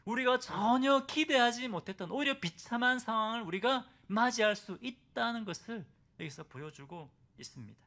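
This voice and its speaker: A man's voice: very high-pitched, expressive, normal speed, few pauses, bright, forceful tone. A male pastor preaching a Sunday sermon at a church service. He keeps asking the congregation rhetorical questions and acts out the voices of biblical figures.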